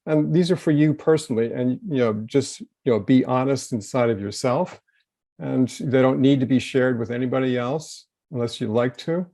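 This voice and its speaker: Guy leading a wellness group, gravelly low-key voice, restarts his sentences a lot, dry close sound. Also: dry recording. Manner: gentle, loosely phrased, halting restarts. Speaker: wellness course leader. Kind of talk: guiding a group reflection session.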